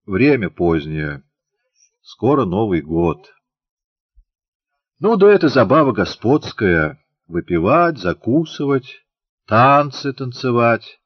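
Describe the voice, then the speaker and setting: A man's voice: mid-range voice, very animated, slow, pauses often, dry recording, highs cut off. A man voicing a stern but kindly peasant mother who scolds in a homely way.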